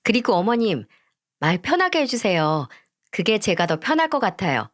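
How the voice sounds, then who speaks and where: A woman voicing a snobbish, rude young woman who is a son's fiancée, in a storybook reading, sweet on the surface and sharp underneath. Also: mid-range voice, sing-song, moderate pace, natural voice. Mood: sugary. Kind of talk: storybook voice acting.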